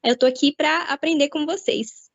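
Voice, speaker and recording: A woman introducing herself in an online meeting, speaking softly. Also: sits high, normal speed, vocal fry, dry recording. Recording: dry muffled call audio.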